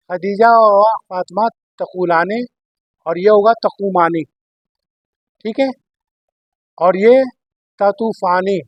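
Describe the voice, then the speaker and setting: High-voiced man teaching grammar. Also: no room sound. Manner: patient, repeating each form with its meaning. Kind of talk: Arabic grammar lesson.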